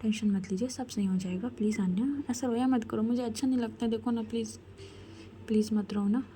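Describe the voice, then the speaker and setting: A woman voicing a caring young woman who gently soothes her injured partner. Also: fairly high pitch, fairly even intonation, fairly quick, slight background noise, lightly acted. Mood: tender.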